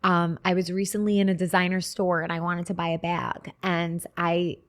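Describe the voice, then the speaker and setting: A woman's voice: on the low side, flat delivery, normal speed. A woman chatting casually and earnestly in a personal wellness vlog, with a millennial way of talking. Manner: millennial casual talk with "like", "literally", "obsessed". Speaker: wellness vlogger.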